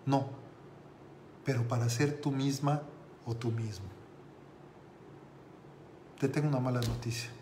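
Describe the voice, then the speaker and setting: A man, a motivational coach telling a story and speaking directly to his viewers with slow pauses. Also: mid-range voice, fairly even intonation, mellow, a little hiss or hum. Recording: roomy with faint ambience.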